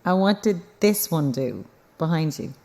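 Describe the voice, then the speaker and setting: An actress with an Irish accent plays a sceptical, stubborn news reporter in a naturalistic audio drama, blunt and probing in manner. Her low voice is expressive, unhurried and a little mellow.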